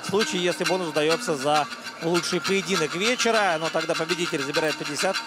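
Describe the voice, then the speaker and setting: Calling a fight live, a man gives brisk play-by-play in a voice on the high side, with arena music and the crowd audible in the background.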